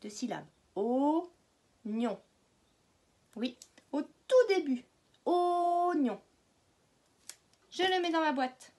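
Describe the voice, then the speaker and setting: A woman's voice: sits high, sing-song, normal speed. A woman with a French accent, teaching a phonics lesson to small children and stretching words out syllable by syllable.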